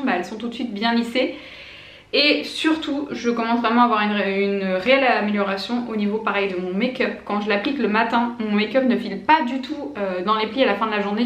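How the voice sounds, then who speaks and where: With a fairly high voice in an echoey room, a woman in her late twenties talks excitedly to camera about a product. She's a beauty vlogger, and her casual review is peppered with fillers and restarts.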